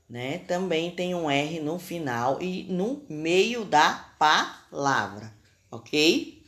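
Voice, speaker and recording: A woman teacher with a Brazilian Portuguese accent, giving a recorded spelling lesson to children and carefully sounding out letters and syllables. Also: fairly low pitch.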